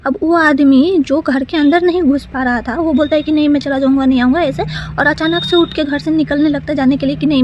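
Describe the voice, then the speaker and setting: A woman tells a personal story in casual, rambling speech, stopping often to restart and fill the gaps. Her voice sits high, and a faint background hum runs under it. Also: muffled recording. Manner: rambling, with many fillers and restarts.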